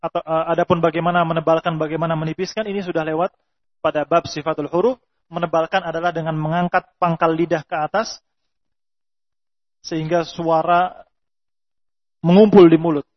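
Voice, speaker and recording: A man teaching Quran recitation rules, reading Arabic lines slowly and explaining them, with drawn-out pronunciation examples. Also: fairly high pitch, flat delivery. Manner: reads Arabic text slowly, then explains in Indonesian. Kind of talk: explaining tajweed rules from a text. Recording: dull lo-fi recording.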